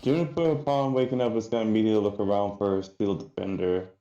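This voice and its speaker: A man's voice: on the low side, steady tone, fast, mellow, roomy sound, muffled recording. A man playing a tabletop game, casually describing what his character does. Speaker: player.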